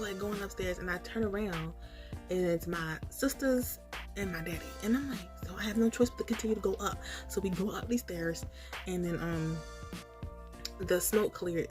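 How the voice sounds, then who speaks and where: A woman casually telling a story about a dream, hazy and puzzled, circling back as she guesses at details and acting out her own reactions. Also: medium pitch. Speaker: storytelling vlogger.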